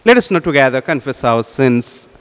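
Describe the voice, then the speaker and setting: A priest, presiding at Mass and speaking into a church microphone in solemn, measured tones. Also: male voice, medium pitch, very animated, smooth. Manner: solemn, measured liturgical intoning. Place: large cathedral, indoors. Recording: long reverb of a large cathedral.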